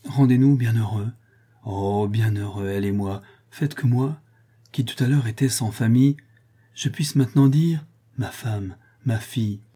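A man's voice: mid-range voice, a little slow, long pauses, mellow, husky. A man voicing a passionate noble prince who pleads tenderly, in an earnest manner, for an audiobook. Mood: pleading. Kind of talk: audiobook reading.

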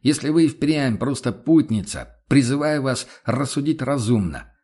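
Reader doing an audiobook inquisitor: calm, formal, wary, mid-pitched man. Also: natural voice. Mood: firm. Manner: measured, formal, cautious. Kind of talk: audiobook character voice.

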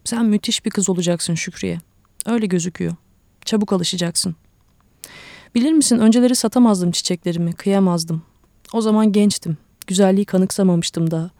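A woman reader voicing a sick old grandfather who sells flowers, speaking in a weary, reflective, kindly way with a gravelly tone. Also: mid-range voice, a little fast, warm tone, no echo, studio quality, close to an everyday voice.

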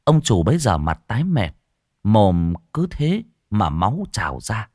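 A man narrating a ghost story in a dramatic, expressive storytelling manner. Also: on the low side, unhurried, dry recording, clean studio sound.

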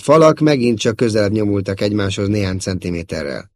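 A man giving a steady, dramatic audiobook narration. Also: lowish voice, dry recording, studio quality. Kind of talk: scripted narration.

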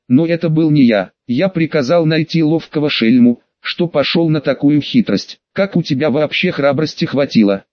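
A man's voice: on the high side, dry recording. A man narrating a first-person audiobook in a casual, slangy storytelling manner. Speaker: audiobook reader. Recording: dry, slightly dull recording.

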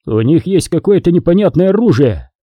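A man's voice: fairly high pitch, big pitch swings, fairly quick, mellow, dry recording, voice pushed up. A man reading an audiobook, voicing a cruel, imperious male Sith lord who gives orders. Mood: commanding. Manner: imperious, commanding.

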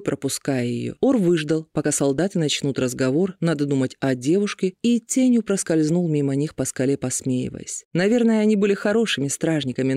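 A man reads a fantasy audiobook with a steady, measured delivery. His voice sits a little high for a man, and the recording is dry and close with no room sound. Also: dry recording. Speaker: audiobook narrator. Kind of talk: scripted narration.

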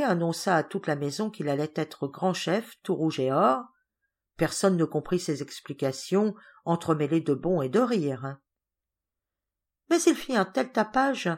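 Expressive woman reading an audiobook. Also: fairly low pitch. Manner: expressive, measured storytelling. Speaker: audiobook narrator. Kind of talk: audiobook reading of a classic novel.

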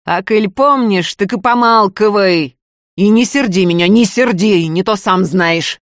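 A woman's voice: medium pitch, measured pace, dry recording, studio quality, lightly acted. A woman voicing a toothless, one-eyed male village sorcerer, drawling and taunting in a storybook reading.

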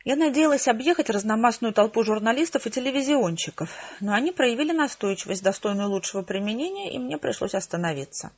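Female audiobook narrator, husky, mid-pitched, muffled lo-fi audio. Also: animated, quick pace, hardly any pauses. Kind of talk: first-person audiobook narration.

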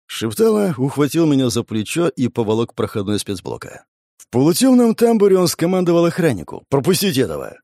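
A man reads a first-person audiobook with lively expression. His pitch moves widely through the story. The sound is dry and close, with no room echo. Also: a little fast. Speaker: audiobook narrator.

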